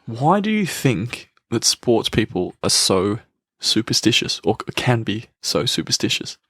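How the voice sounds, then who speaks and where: A man's voice: fairly low pitch, sing-song, measured pace, fairly bright tone, husky, dry recording, clean studio sound. A man co-hosting a sports podcast, joking, self-mocking and swearing freely. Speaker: podcast co-host. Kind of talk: casual chat.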